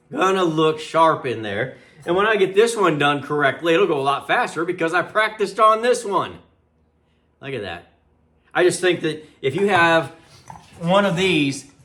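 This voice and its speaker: A DIY channel host and product reviewer demonstrates something hands-on in a casual, folksy way, often talking half to himself as he works. His voice is fairly high with a sharp tone.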